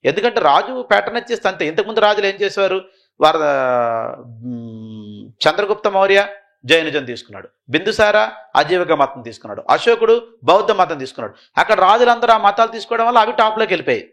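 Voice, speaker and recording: A man teaching a history class, who asks questions and answers them himself and repeats key phrases slowly so students can write them down. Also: high voice, big pitch swings, fairly bright tone. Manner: repeats key phrases slowly for note-taking, mixes English terms. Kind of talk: classroom lecture.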